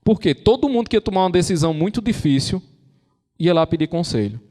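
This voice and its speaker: A man's voice: sits high, expressive, quick pace, dark tone. A man with a Brazilian Portuguese accent giving a lecture, telling stories conversationally and acting out the quotes. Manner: conversational storyteller, acts out quotes. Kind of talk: lecture on intellectual and moral formation. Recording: long hall reverb.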